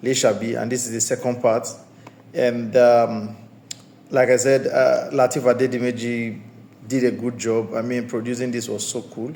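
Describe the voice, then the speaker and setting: Man, casual movie review host, discursive and repetitive, mid pitch, echoey room. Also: flat delivery, normal speed, warm tone, a little hiss or hum. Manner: discursive, circling back to restate points. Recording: roomy echoey room sound.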